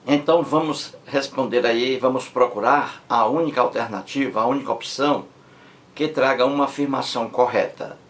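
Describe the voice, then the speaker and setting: A man with a Brazilian accent teaching a grammar lesson, repeating each example word with slow, deliberate emphasis. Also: medium pitch. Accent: Brazilian Portuguese. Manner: drawn-out, emphatic repetition of example words. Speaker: Portuguese language teacher.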